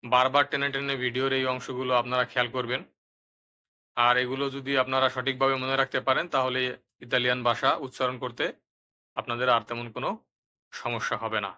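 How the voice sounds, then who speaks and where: A man narrating a step-by-step language lesson, explaining pronunciation rules and repeating each example word twice, slowly and clearly. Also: medium pitch, flat delivery, sharp tone. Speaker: language teacher.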